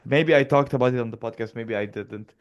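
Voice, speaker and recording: Young man from Egypt, podcast co-host; smooth voice, blunt crude comic rants. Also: medium pitch, a little fast, highs cut off. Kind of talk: casual comedy podcast chat.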